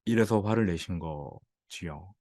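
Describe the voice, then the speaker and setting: A man preaching as a pastor, acting out the lines of the people in his story with lively emphasis. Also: sits low, measured pace, no echo, studio quality. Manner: animated preaching, acting out quoted speech. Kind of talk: sermon.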